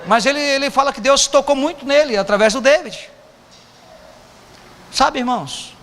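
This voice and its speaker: A man's voice: very high-pitched, moderate pace, fairly bright tone. A man with a Brazilian Portuguese accent preaching an informal sermon as pastor, joking and teasing his congregation. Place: church hall. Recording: echoey church hall, faint noise.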